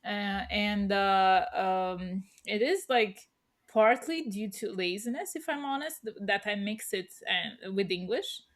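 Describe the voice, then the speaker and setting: A woman's voice: medium pitch, animated, a little slow. A woman with a mid-range voice takes part in a casual discussion. She explains things in a chatty way, moving from one example to the next. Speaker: panel participant, language learner.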